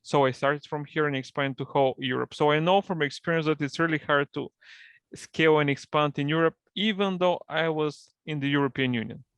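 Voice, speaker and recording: A man's voice: on the high side, a little fast, a bit bright, clean tone, no room sound. Bulgarian guy on a video call, dry close sound, explains stuff in careful second-language english. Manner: fluent non-native English, explanatory. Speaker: guest, partnership manager. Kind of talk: online interview.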